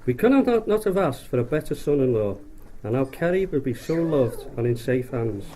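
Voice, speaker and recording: A man's voice: medium pitch, sing-song, normal speed, dark tone, rough recording. A middle-aged man giving a rambling, jokey wedding speech as father of the bride, often repeating and restarting his phrases.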